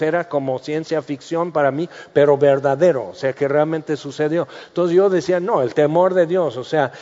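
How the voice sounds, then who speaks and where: A male preacher delivers an animated sermon, switching between joking asides and solemn scripture. His voice sits a little high for a man. The sound is dull and carries a long hall reverb. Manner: animated, acts out quoted voices, jokes mixed with scripture.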